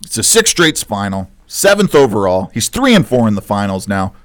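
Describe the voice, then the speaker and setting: A man's voice: on the low side, big pitch swings, moderate pace, no room sound. A man hosting a casual sports podcast, teasing his co-hosts and reading a sponsor spot. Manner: teasing, talks over others. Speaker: podcast host.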